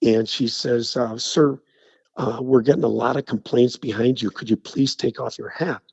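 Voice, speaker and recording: A man's voice: medium pitch, moderate pace, vocal fry, husky, no room sound, lo-fi sound. A man telling stories as a guest on a radio show, acting out the people in them. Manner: animated anecdote teller, acts out the people in his stories.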